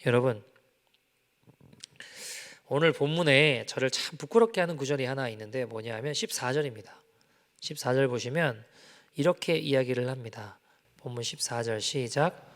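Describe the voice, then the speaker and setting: A male pastor preaching a sermon, telling a story and acting out its dialogue, moving between soft and loud passages. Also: mid-range voice, normal speed, pauses often. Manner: animated, acts out quoted dialogue, swings from soft to loud. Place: church sanctuary. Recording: long church-hall reverb.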